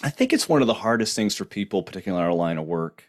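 Male host with a lowish voice, playful interviewer who restarts his sentences a lot. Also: animated, very fast. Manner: playful, with frequent restarts and fillers. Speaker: podcast host. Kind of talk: conversational interview.

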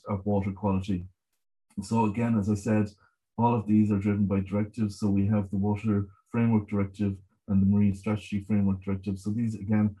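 Mellow, even-toned west of Ireland man. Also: fairly low pitch, low-quality recording. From Galway, west of Ireland. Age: middle-aged. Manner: measured, hesitant repetition of words, frequent 'you know'. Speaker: marine scientist guest. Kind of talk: conversational interview explanation.

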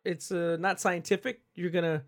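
A man with a slightly high voice and a bit of a cough co-hosts a sports podcast. He chimes in with quick agreement and gives animated takes in casual conversation. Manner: quick affirmations, animated opinions. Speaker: podcast co-host.

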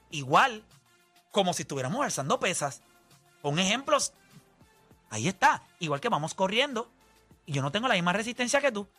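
A man with a high, bright voice hosts a sports talk chat, laying out his argument through everyday examples. He talks in a lively, persuasive way, with soft music playing behind him. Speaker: sports talk show host.

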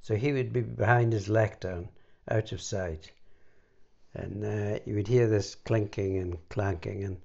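An older Scottish man reminiscing about his youth, speaking haltingly with many fillers and restarts. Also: fairly low pitch, steady tone, gravelly, darkish tone, highs cut off. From Scotland. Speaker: interviewee. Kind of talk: reminiscing conversation.

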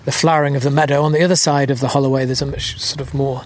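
A man's voice: medium pitch, level tone, rapid-fire. A man, a storyteller narrating outdoors as he walks, musing and hesitant, a little out of breath. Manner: musing, hesitant with many fillers. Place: outdoors on a countryside hill.

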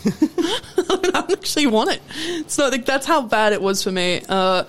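A woman's voice: a little high, a little slow. A young woman, co-hosting a podcast and telling workplace stories with frequent laughter. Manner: laughs often, animated storytelling. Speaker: podcast co-host. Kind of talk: casual storytelling chat.

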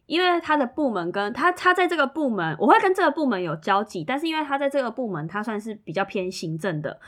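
A young woman from Taiwan, co-hosting a casual podcast chat and telling a story with lively, acted-out dialogue. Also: mid-range voice. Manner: animated storytelling, acting out both sides of conversations. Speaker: podcast co-host.

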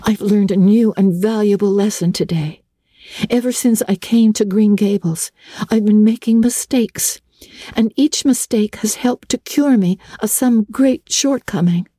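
A woman's voice: medium pitch, unhurried, mellow, no echo, studio quality, voice pushed up, lightly acted. A woman reading aloud, voicing a talkative, imaginative orphan girl who speaks earnestly and theatrically.

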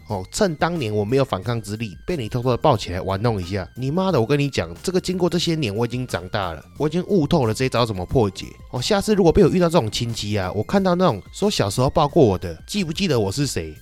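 A podcast host with a Taiwanese Mandarin accent rants quickly and swears freely, sounding like casual comedy talk. His pitch sits in the middle, but it swings all over the place as he gets worked up. The delivery is rapid and full of energy. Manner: profane, animated ranting.

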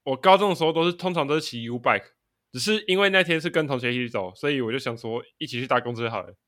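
A man's voice: mid-range voice, expressive, fast, fairly bright tone. A young man, co-hosting a casual podcast and telling stories while laughing often. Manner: storytelling, laughing often mid-sentence. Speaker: podcast co-host. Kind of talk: casual chat.

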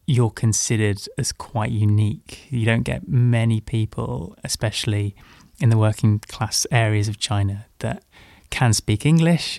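A man's voice: lowish voice, gravelly, no echo, clean studio sound. A young man who grew up in Hong Kong tells a funny personal story on a podcast, candid and self-mocking. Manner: candid, self-mocking, lively when recalling.

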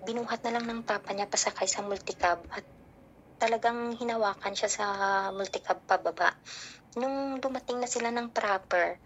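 A woman's voice: a little high, normal speed, lo-fi sound, slight background noise. Mother telling a story. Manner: animated storytelling, acting out dialogue. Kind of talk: casual storytelling.

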